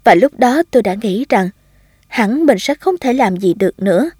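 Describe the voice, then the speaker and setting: A woman narrating a first-person story in a calm, expressive reading. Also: on the high side, moderate pace, slightly rough, no room sound, clean studio sound.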